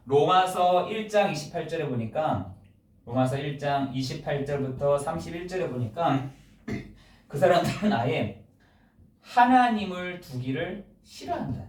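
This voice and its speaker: A male pastor preaching a sermon in a church, firing off rhetorical questions and stressing his points. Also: on the high side. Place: church sanctuary. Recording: echoey church, mic at a distance.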